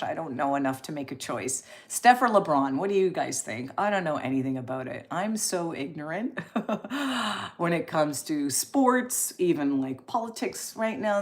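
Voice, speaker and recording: With a voice on the low side, she hosts a casual live stream, reading out comments and answering them in an encouraging, expressive manner.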